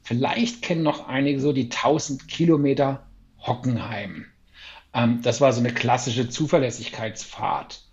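A man's voice: mid-range voice, measured pace, a little mellow. Chatty older man, muffled sound. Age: 60s. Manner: chatty, chuckling, self-deprecating storyteller. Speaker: podcast guest, mental coach. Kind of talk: casual podcast interview. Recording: dull lo-fi sound.

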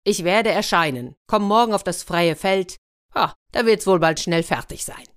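A woman's voice: mid-range voice, normal speed, smooth, dry recording, clean studio sound, lightly acted. A woman voicing a haughty, mocking rich nobleman in a fairy tale, scornful and laughing. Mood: smug.

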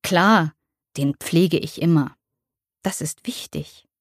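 Woman voicing a soft-spoken elderly mother. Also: deep voice, a little slow, husky, no room sound, studio quality, exaggerated voice. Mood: playful. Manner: soft, quiet and simple. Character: frail elderly mother in a care home, childlike.

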